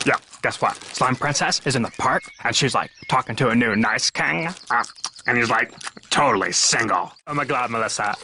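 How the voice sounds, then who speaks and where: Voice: mid-range voice, normal speed, noisy background, close to an everyday voice. A voice actor playing a bratty, gossipy valley-girl cartoon princess with a whiny drawl.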